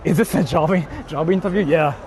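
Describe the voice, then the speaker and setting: A young live streamer from Japan, with a Japanese accent and a fairly high voice, talks a little fast while answering viewer comments outdoors on a busy city street at night. He's informal, repeats himself and swears freely, with traffic, crowd and street noise in the recording.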